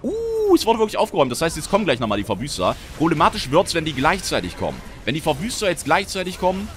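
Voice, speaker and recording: Excitable young German gamer, lively pitch. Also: male voice, rapid-fire, slight background noise. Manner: excitable, swearing, frustrated outbursts. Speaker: gaming commentator. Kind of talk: live Let's Play commentary.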